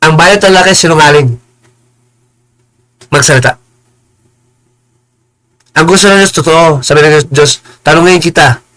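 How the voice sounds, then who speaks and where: A man ranting on a live stream, combative and insulting, stumbling over and repeating his words and slipping into slow, preachy English phrases. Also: on the high side, fairly bright tone, rough recording. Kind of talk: heated live-stream rant.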